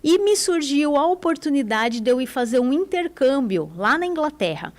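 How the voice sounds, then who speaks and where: A woman's voice: high-pitched, very animated, moderate pace. A Brazilian woman in her forties, an English teacher, talking casually on a radio show with enthusiasm and frequent tag questions.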